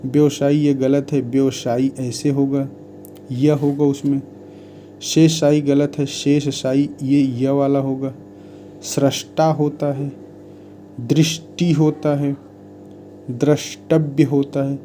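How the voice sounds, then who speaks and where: Slow, dark-voiced man teaching Hindi spelling. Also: mid-range voice, flat delivery, slight background noise. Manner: slow, measured word-by-word dictation. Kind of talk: spelling lesson, reading word lists.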